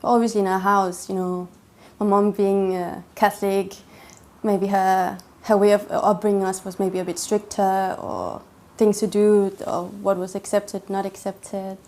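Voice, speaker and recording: Speaking unhurriedly in a level, mid-range voice with a darkish tone, this Danish interviewee recounts her own experiences. She is hesitant throughout, full of fillers and false starts.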